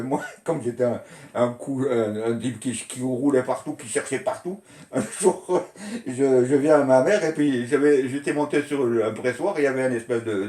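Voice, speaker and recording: A man's voice: mid-range voice, a little mellow. An older man casually recounting childhood memories, rambling and laughing often as he goes. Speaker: storyteller recalling childhood. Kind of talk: casual reminiscing. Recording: echoey room.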